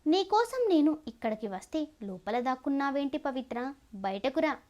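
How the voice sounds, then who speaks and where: Lady reading a nasty gloating bad guy, high and swingy, taunts a lot. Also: very animated, normal speed, a little mellow, lo-fi sound. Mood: menacing. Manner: taunting, threatening. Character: menacing young male villain, cruel and gloating. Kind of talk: storybook narration.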